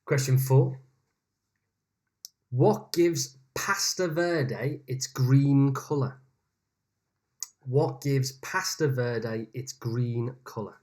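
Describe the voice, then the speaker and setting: A man's voice: medium pitch, very slow, pauses often, darkish tone. A man hosting an online pub quiz over a video call, reading each question twice with chatty asides. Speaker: quiz host.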